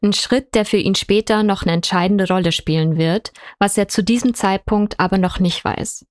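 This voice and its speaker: A woman narrating a report in a calm, explanatory way. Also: medium pitch, normal speed, no room sound, studio quality. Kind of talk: scripted narration.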